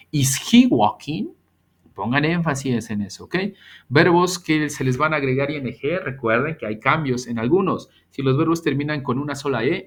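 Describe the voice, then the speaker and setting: A man teaching an English grammar lesson, patiently explaining and slowly repeating example sentences. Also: medium pitch.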